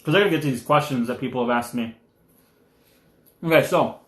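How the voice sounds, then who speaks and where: A young man hosting a casual live stream, rambling and animated, sometimes talking with his mouth full. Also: medium pitch, a little fast, roomy sound.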